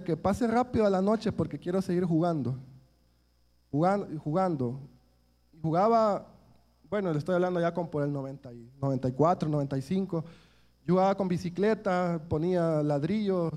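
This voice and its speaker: A man's voice: high-pitched, darkish tone. A man, preaching a sermon and telling stories from his childhood in an earnest way, often calling his listeners brothers.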